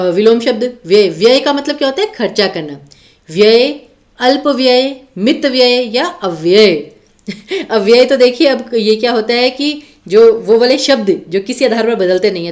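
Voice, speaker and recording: A young adult woman delivers an exam-prep Hindi lesson in a slightly high voice. She works through each question step by step, stretching out and repeating words so their spelling is clear. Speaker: Hindi teacher.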